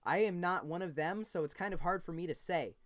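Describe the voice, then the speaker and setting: With a high voice and a slightly quick pace, a man hosts his own informal news explainer from a computer desk in his bedroom. He tells the story casually and simplifies it for listeners.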